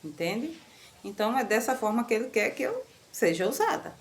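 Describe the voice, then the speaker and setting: A woman from Brazil preaching a sermon with a strong, loud voice, telling stories and jumping high in pitch when she quotes people. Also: fairly quick, a little hiss or hum. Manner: animated, storytelling, jumps to high pitch when quoting.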